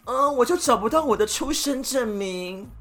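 A woman's voice: fairly high pitch, expressive, moderate pace, fairly bright tone, voice pushed up. A woman voicing a lying man who makes pleading, whiny excuses and plays the victim.

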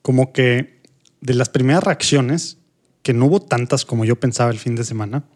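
A man's voice: medium pitch, normal speed, a little mellow. Hesitant man chatting on a podcast. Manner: hesitant, searching for words, many tag questions. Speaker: podcast co-host. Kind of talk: casual conversational podcast.

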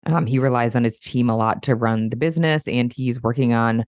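Hoarse woman hosting a podcast. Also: a bass voice, steady tone, fairly quick, no echo. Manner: chatty and upbeat, warm enthusiasm for the guest. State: hoarse from a cold, voice mostly lost. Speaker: podcast host. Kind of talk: casual podcast intro.

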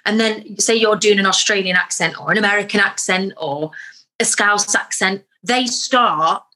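A woman's voice: medium pitch, normal speed, sharp tone. A young woman, an actor, chatting candidly in an interview and telling stories about herself with self-deprecating humour. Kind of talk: casual interview chat.

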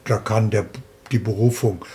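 A man being interviewed, calmly and slowly laying out his spiritual practice point by point. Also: on the low side, a little hiss or hum. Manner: slow, deliberate, explaining in lists. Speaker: interview guest. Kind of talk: calm spiritual interview talk.

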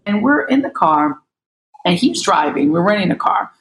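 A middle-aged American woman in casual panel talk, an animated storyteller who acts out what people said. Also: fairly low pitch, normal speed, a little hiss or hum, rough recording. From United States. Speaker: panel guest.

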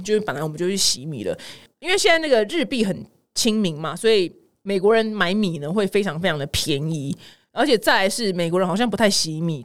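Hosting a casual news podcast, a woman with a Taiwanese Mandarin accent talks in an exclamatory, dramatic way, drifting into personal asides and mixing in English words. Her voice sits in the mid range.

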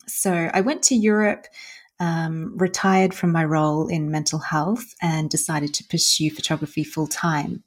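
A woman from Australia, a podcast guest talking in a soft-spoken, thoughtful way. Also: sits low, fairly even intonation, a little slow. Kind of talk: casual interview.

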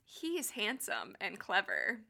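A woman's voice: medium pitch, wildly swooping pitch, takes it slowly, vocal fry, pushed and bright. A woman co-hosting a casual book chat, amused and giggly as she describes a book. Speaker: podcast co-host.

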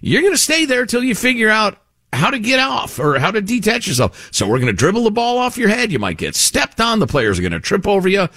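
A male talk host with a highish voice that swings widely in pitch. He comments with sarcasm and exasperation, opinionated throughout, and sounds very dry and close. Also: wildly swooping pitch, a little fast, fairly bright tone, no room sound.

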